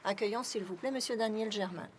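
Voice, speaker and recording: A woman's voice: mid-range voice, fairly quick, noisy background. A woman giving live interpretation of a speech, with frequent hesitations and self-corrections. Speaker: simultaneous interpreter.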